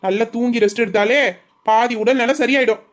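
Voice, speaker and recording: A brisk female doctor, played by a woman who gives quick, firm instructions in a high voice. She scolds with care in a homemade audio drama. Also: fairly even intonation, close to an everyday voice. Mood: scolding.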